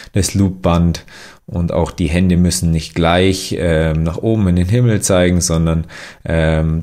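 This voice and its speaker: A young man giving relaxed voice-over instructions for a mobility workout, with many fillers and restarts. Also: deep voice. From Germany. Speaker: athlete demonstrating exercises.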